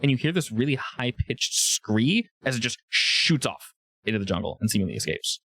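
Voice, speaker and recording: A man narrating as game master of a tabletop role-playing game, lively and quick to laugh. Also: medium pitch, dry recording, studio quality. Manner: animated, laughs often.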